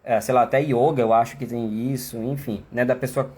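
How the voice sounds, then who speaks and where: A man's voice: mid-range voice, fairly even intonation, fairly quick, darkish tone, slightly rough. A man teaching English in a live online class, speaking Portuguese with a Brazilian accent, chatty and explanatory, often checking in with his listeners. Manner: chatty, explanatory, many tag questions.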